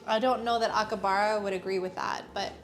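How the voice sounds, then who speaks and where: A woman's voice: mid-range voice, steady tone, fast talker, soft background music. A woman chatting casually while baking in a home kitchen, talking playfully to viewers. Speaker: home baker, co-host. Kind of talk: casual kitchen chat on a livestream.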